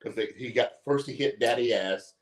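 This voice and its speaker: A man's voice: mid-range voice, moderate pace. A man co-hosting a casual wrestling recap podcast, telling stories with lots of swearing. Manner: swearing, animated storytelling. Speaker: podcast co-host. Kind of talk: casual chat.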